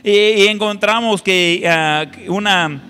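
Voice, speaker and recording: A male pastor giving a sermon and reading scripture, halting and conversational with many filler sounds. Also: high voice, pushed and bright, a little hiss or hum. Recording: long reverb of a hall.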